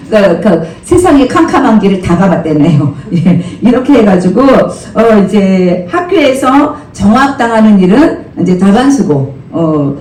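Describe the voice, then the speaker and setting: A man preaching from a church pulpit, his voice rising and falling with lively expression as he calls out to the congregation and waits for answers. He is picked up from a little way off the mic, so the big sanctuary gives the sound a roomy echo over a faint bed of ambient noise. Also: high voice, recorded from a distance. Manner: animated, conversational preaching with call-and-response. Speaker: senior pastor. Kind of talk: sermon.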